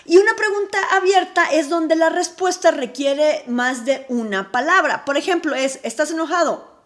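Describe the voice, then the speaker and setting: A woman hosting an advice video, animated, posing rhetorical questions and answering them herself. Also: high voice, moderate pace. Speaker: advice vlog host. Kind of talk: talking-to-camera advice lesson.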